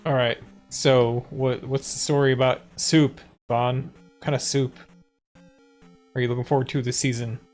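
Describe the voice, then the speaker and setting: Relaxed chatty male stream host. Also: mid-range voice, moderate pace, faint music behind. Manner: relaxed, chatty, laughs easily. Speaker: restream host. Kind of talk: casual race commentary chat.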